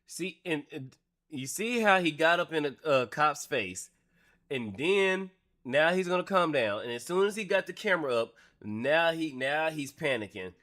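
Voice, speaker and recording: A man's voice: on the high side, expressive, normal speed, sharp tone. A man hosting a gaming stream, giving casual, profane, incredulous reaction commentary and lecturing the people in a video clip. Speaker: let's-play host reacting to a clip.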